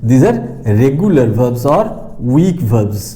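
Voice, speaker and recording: A male teacher with a Bengali accent explains grammar at an unhurried pace, repeating each word and spelling it out letter by letter. His voice is mellow and dark, and his pitch moves up and down a great deal as he stresses points. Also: very animated. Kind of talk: classroom grammar lesson.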